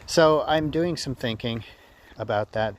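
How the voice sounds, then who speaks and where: A man talking casually to his vlog in a reflective, halting way, often repeating phrases as he works through his thoughts. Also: mid-range voice, a little hiss or hum. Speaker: vlogger. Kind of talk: casual personal vlog monologue.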